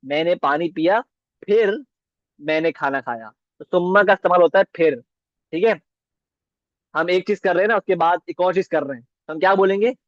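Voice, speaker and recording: Teaching beginners Arabic, this high-voiced man says every word more than once and pauses to ask his students "ठीक है?" at a slow pace. There's no echo, and the audio comes across as dull, dry and lo-fi.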